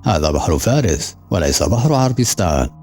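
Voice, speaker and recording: A stern older woman speaks with firm authority in a storybook reading, as a man puts her on. The voice is low and moves lively in pitch. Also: brisk, faint music behind.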